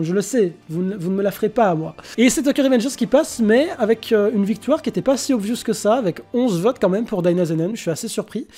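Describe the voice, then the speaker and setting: A young man hosting a live-streamed anime vote, casual and slangy, with bursts of excitement. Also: high-pitched. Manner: excitable, slangy, mixes English exclamations.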